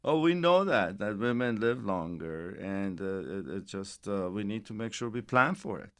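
A man's voice: lowish voice, lively intonation, moderate pace, clear, resonant tone. A middle-aged man hosting a financial radio show, chatting casually and rambling with many restarts.

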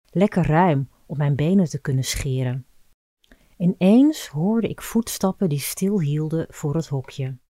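Low dark-voiced woman reading an erotic story. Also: animated, dry recording. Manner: intimate, measured storytelling. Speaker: narrator.

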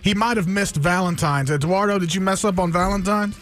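A radio co-host with a high voice for a man, chatting with callers in a playful, teasing way. Faint music sits behind the talk. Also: brisk, fairly bright tone. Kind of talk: casual radio banter.

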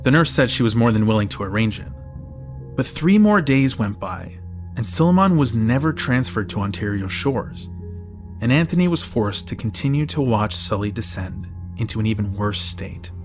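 A man giving scripted documentary narration in a measured, factual way. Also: mid-range voice, big pitch swings. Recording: narration over clear music bed.

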